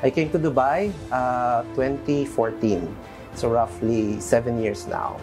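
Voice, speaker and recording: A man's voice: medium pitch, fairly even intonation, measured pace. A man in his thirties with a Filipino accent, an interview guest who mixes English and Filipino, speaking earnestly with frequent restarts. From Philippines. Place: bright studio room, seated on a sofa. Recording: music bed under the voice.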